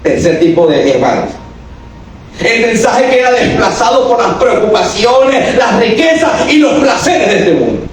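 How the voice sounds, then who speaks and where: A man preaches in a high, carrying voice. His words bounce through a very echoey church, and he sounds far from the mic. A faint hiss sits underneath. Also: sing-song, a little slow. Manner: emphatic, asks the congregation questions and acts out quoted voices. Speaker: pastor. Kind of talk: sermon. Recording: echoey church hall from a distance.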